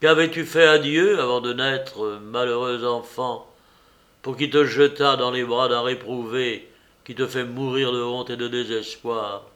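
A man voicing a tormented, passionate young nobleman who speaks in loud, impassioned outbursts. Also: medium pitch, fairly even intonation, unhurried, close to an everyday voice. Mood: anguished.

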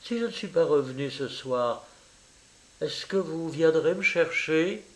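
A man's voice: on the high side, expressive, unhurried, rough recording. A man reading aloud and voicing a young woman who speaks in a hesitant, slightly awkward way.

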